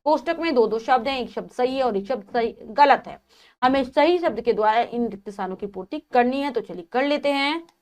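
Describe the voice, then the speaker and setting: Patient woman teacher with a higher voice. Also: expressive, fairly quick, a little mellow. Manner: patient, retells story passages in own words. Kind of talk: reading and explaining a textbook lesson.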